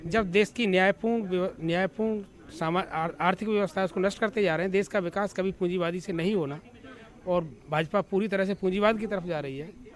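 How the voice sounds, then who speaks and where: A man's voice: high voice, fairly quick. A man, a party supporter, speaking fiery slogans in an interview.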